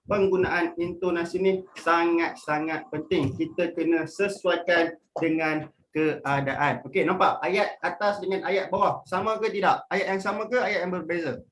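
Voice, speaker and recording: A young Malaysian man leads an online public speaking workshop for school students, heard over a video call with slight background noise. Lively and playful, he jokes around and shifts his pitch up and down to demonstrate intonation.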